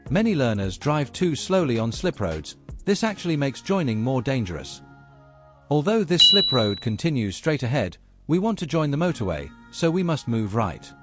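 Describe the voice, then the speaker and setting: Animated male driving-lesson narrator over music. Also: medium pitch. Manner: measured, explanatory, addresses learners directly. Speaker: driving instructor presenting a video lesson. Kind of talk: scripted instructional narration.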